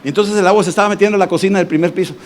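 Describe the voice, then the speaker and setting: A man, a pastor, preaching a sermon and telling personal testimonies in an animated way with acted voices and sound effects. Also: high voice, very fast, a little hiss or hum. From Mexico. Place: church congress hall.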